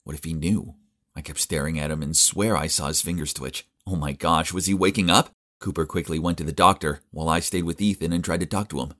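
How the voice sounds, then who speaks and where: A man's voice: rumbling low, fairly even intonation, fairly quick, a bit bright. A young man narrating a dramatic first-person story in a confiding tone.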